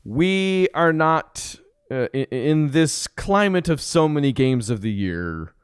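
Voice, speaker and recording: Podcast host, male, smooth voice, very lively pitch, jokey rambling chat. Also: a little slow, dry recording, studio quality. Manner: jokey, rambling, laughs often. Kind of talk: casual chat.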